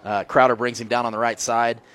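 A man's voice: medium pitch, flat delivery, a little fast, a bit bright. A man giving color commentary on a football broadcast, breaking down plays in a casual, filler-laden way. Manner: conversational, explains blocking schemes, many fillers.

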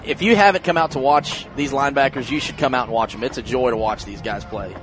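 A man's voice: medium pitch, fast, faint music behind. An American man giving conversational color commentary and analysis during a live football broadcast.

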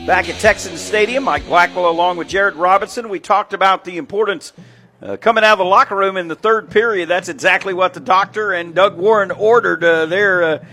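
A man calling a high school football game play by play for local radio, counting off yard lines as runners break loose. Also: soft background music. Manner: rapid excited calls of plays, counting yard lines. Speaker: play-by-play announcer.

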